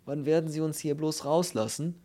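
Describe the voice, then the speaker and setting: A man's voice: on the high side, fairly even intonation, moderate pace, mellow, voice pushed up, lightly acted. Man doing a whining bald little man. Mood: aggrieved. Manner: whining, indignant, raised voice. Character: bald, small, complaining man, easily enraged.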